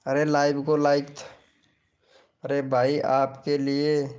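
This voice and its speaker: A man's voice: fairly high pitch, monotone, a little mellow, smooth. A man hosting a live stream in casual chat, teasing viewers and reading their comments aloud. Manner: slow, teasing, chatty banter with viewers.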